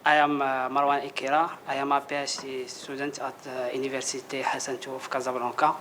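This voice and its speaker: Man, PhD student, monotone, careful phrasing, faint background noise. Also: mid-range voice, brisk.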